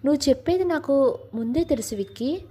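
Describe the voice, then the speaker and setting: A woman voicing an anxious, gentle young wife in a Telugu audio story, speaking in a hesitant, pleading way. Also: high-pitched, expressive, fairly quick, pitched above the performer's own voice. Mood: nervous.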